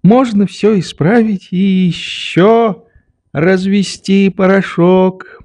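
A man voicing a methodical, prim old male doctor who speaks slowly and reprovingly in an audiobook. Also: high voice, fairly even intonation, no echo, voice pushed up. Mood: mild reproach. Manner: slow, measured, gently reproving. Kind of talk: audiobook character reading.

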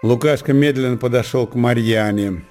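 A man narrating classic prose in a measured storytelling manner. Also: mid-range voice, a little mellow, faint music behind. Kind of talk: audiobook reading of classic prose.

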